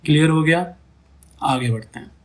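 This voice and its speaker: A man teaching a lesson on counting syllables in ghazal poetry, explaining step by step and saying words over slowly to show how they sound. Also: on the high side. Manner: checks in often with "theek hai" and "hai na".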